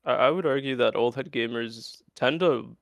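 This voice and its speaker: A man's voice: mid-range voice, normal speed, gravelly, dry recording. A young man co-hosting a casual podcast chat, teasing his friends with goofy, swearing banter. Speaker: podcast co-host.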